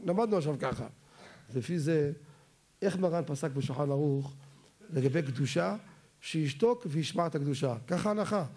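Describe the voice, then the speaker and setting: Mellow-voiced man giving a religious lecture. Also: on the high side. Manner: poses rhetorical questions and answers them himself. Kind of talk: Torah lecture.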